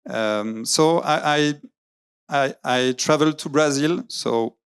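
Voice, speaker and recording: A graphic novelist gives a public talk in English with slides at a lecture venue, often stopping to search for words, using many fillers, and restarting sentences. His middle-pitched voice is smooth, clear, steady, and unforced.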